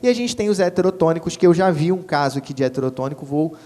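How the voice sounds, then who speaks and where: A man's voice: a little high, expressive, quick pace, darkish tone, in a large hall. A man with a Brazilian Portuguese accent teaching a Spanish class, casual and checking in with students often. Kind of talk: recorded online class.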